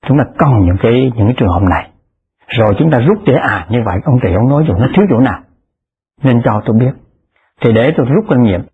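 A man's voice: medium pitch, fast talker, breathy edge. A man giving a Buddhist dharma talk, telling stories and acting out the people in them. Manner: animated, acts out the people in his stories. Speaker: Buddhist lay dharma speaker. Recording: tinny lo-fi phone-like recording.

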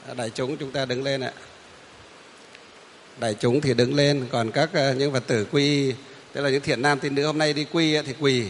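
A man's voice: medium pitch, steady tone, normal speed, big-room sound, a little hiss or hum. A man, a Buddhist monk guiding a congregation through a refuge ceremony, speaking patiently with frequent hesitant fillers and repetition. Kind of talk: instructing a kneeling congregation.

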